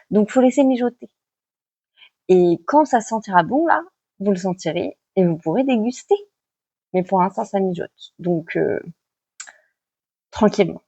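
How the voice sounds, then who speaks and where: A woman's voice: mid-range voice, darkish tone, no room sound, muffled recording. A woman reading tarot cards for weekly guidance in a casual, chatty way, with many fillers and self-corrections. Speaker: tarot card reader giving weekly guidance. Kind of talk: casual spoken vlog.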